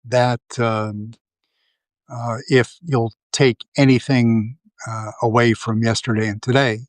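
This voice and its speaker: A man's voice: medium pitch, level tone, slow, dry recording. A man hosting a live video, talking through casual commentary, rambling with lots of fillers and restarts. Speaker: livestream host.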